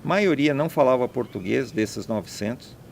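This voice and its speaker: A man with a mid-range, expressive, creaky voice speaks at a moderate pace as a landowner in a conversational interview. His manner is emphatic, as he lines up points and repeats them. Slight background noise is present.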